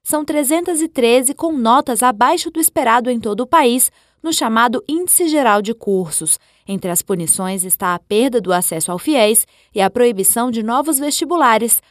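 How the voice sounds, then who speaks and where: A woman reporter reading a scripted radio news report in a clear, measured delivery. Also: fairly high pitch, lively intonation, dry recording, studio quality.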